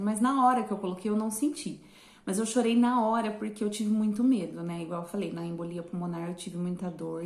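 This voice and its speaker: A woman's voice: medium pitch, a little mellow. A Brazilian woman telling her viewers a personal story in a chatty way. She keeps turning to her audience and trails off into fillers. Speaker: vlogger. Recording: roomy echo.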